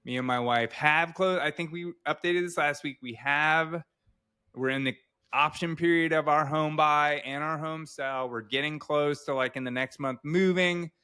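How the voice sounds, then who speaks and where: A man co-hosting a casual podcast, rambling with lots of fillers and animated asides. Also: fairly high pitch, normal speed, smooth. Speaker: podcast co-host, physician.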